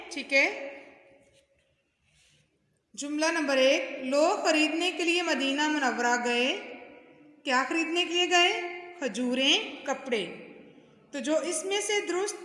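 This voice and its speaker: Woman, teacher, patient step-by-step explaining, bright tone, long reverb. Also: high-pitched. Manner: patient, explains step by step, addresses pupils as "beta". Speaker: primary school Urdu teacher. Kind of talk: recorded homework lesson for children. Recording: strong echo, long hall reverb.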